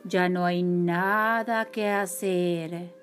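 A woman from voicing the oldest, wisest ghost, who speaks in a slow, solemn, defeated way. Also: fairly low pitch, steady tone, soft background music, pitched below the performer's own voice. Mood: resigned.

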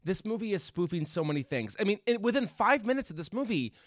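A podcast co-host chats casually about a movie in an animated, rambling way, often restarting his sentences. His voice is high and fast, and the studio-quality recording has no echo.

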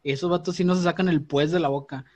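A man's voice: fairly high pitch, steady tone, fast talker, mellow. A man with a northern Mexican Monterrey accent chatting casually, with slangy, profane banter. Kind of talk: casual chat.

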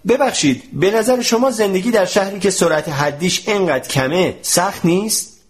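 A man reading aloud voices an excitable, puzzled middle-aged gentleman who exclaims and insists in a raised voice. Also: a little high, pitched above the performer's own voice, lightly acted. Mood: excited.

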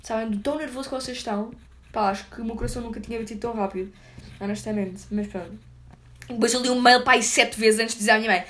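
A woman's voice: a little high, fairly even intonation, fast, fairly bright tone. A young woman with a European Portuguese accent, telling a story to her viewers in casual, slangy chat full of fillers. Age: young adult. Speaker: vlogger.

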